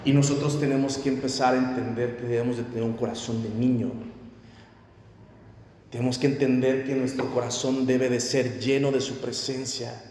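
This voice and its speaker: A man preaching a sermon, animated and often asking the audience questions. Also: medium pitch, normal speed, slight background noise. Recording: echoey church hall.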